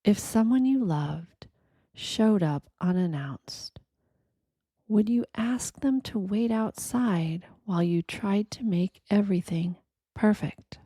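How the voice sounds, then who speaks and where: A woman gives a quiet, reflective scripted reading in a gentle, deliberate manner, leaving pauses between short phrases. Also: medium pitch, lively intonation, no room sound, studio quality. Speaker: narrator of a reflective spiritual reading.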